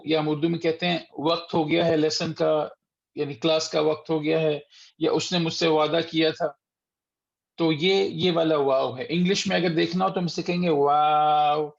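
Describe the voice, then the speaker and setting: A man leads an online recitation lesson, patiently repeating each letter slowly and clearly for his students. His voice is gravelly and a little high. The call audio sounds dull and lo-fi. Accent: Urdu-speaking. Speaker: Quran recitation teacher. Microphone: computer mic on a video call.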